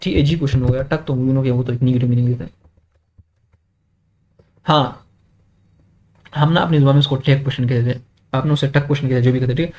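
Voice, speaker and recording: A young man, teaching an exam-prep grammar lesson, who keeps checking in with students and reads English examples slowly. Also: mid-range voice, a little mellow.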